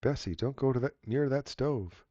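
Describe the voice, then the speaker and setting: A man serves as game master for a tabletop game, narrating and refereeing in a casual, joking way with some swearing. His voice is medium-pitched and dark-toned at a moderate pace, with no echo, though the lo-fi audio is dull.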